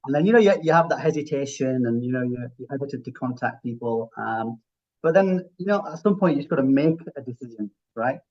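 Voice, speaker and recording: A middle-aged man with a broad Yorkshire accent speaks in a reflective, conversational way, as an interview guest would. His pitch is average for a man and he often checks that the listener agrees. The audio is slightly dull and low in fidelity. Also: animated, brisk. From Yorkshire, England. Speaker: interview guest, healthcare finance professional.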